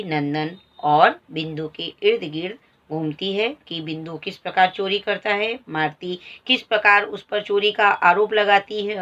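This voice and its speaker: A woman's voice: lowish voice, a bit bright. A woman Hindi teacher explaining a textbook story, reading a line and then re-explaining it in plain words, on a slightly dull recording.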